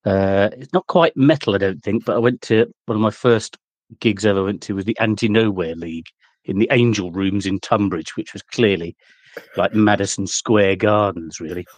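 A man telling a story in casual chat, dry and deadpan with quips. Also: fairly low pitch, normal speed, no room sound.

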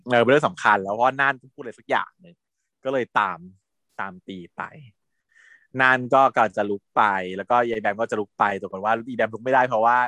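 A man's voice: mid-range voice, fast, sharp tone, no room sound. A man in casual chat who animatedly retells a TV series, laughing often and acting out quotes.

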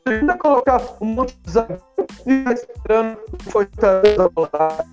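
A man's voice: high voice, expressive, a little fast, muffled recording, music in the background. Robotic glitching man on a call. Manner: blunt and exasperated, with profanity. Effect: robotic, glitchy voice from a breaking video call connection. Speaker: football commentator on an online panel. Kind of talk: heated football analysis. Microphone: video call.

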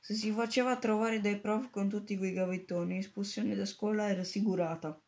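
A woman narrating a story aloud in a steady reading voice, with occasional slips and restarts. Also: medium pitch, fairly quick.

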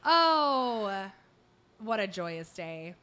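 A woman's voice: medium pitch, sing-song, drawn-out words, sharp tone, smooth. A woman co-hosting a podcast in casual, irreverent chat, speaking in a blunt, slangy, exclamatory way. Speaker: podcast co-host.

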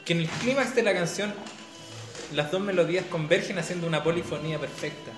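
A man's voice: fairly high pitch, fairly quick, natural voice. A young Chilean man playing the smug ghost of a dead writer, speaking in a lofty, stilted way. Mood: pretentious. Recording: roomy echo, music behind.

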